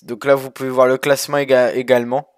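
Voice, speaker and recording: A man's voice: mid-range voice, level tone, fast talker, no echo, clean studio sound. Rambling young man narrating a game. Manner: rambling, many fillers and restarts. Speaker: gaming youtuber. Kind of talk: casual screen-recorded game walkthrough.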